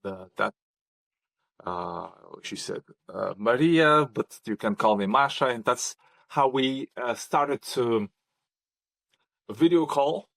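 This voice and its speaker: A man's voice: mid-range voice, expressive, takes it slowly, gravelly, long pauses, a bit bright, dry recording. Hesitant man from Kazakhstan. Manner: hesitant, many ums and restarts. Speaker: podcast guest. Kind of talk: conversational interview.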